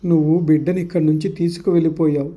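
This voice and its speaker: A man's voice: a little high, flat delivery, quick pace, mellow, pitched above the performer's own voice, close to an everyday voice. A man voicing the spirit of an unmarried woman who possesses a young mother, angry and demanding.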